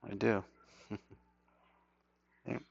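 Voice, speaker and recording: Extremely slow with a darkish tone, this man is a Costa Rican native Spanish speaker with a Costa Rican accent. He informally mutters to himself while working through an electronics repair at an indoor repair bench. It was recorded on an action camera mic, producing dull, lo-fi audio.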